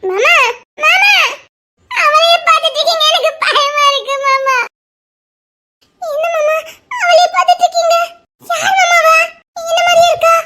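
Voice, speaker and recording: Woman doing a scared young girl in an audio drama, squeaky-high and bright, sobbing and pleading. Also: moderate pace. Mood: panicked. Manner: tearful, shaky, laughing through sobs. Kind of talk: Tamil serial-style audio drama.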